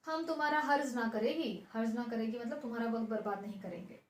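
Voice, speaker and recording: A woman's voice: on the high side, steady tone, quick pace, close to an everyday voice. Jolly teasing aunt-in-law, read by a woman. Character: cheerful middle-aged aunt-in-law, teasing and bossy. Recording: roomy echo.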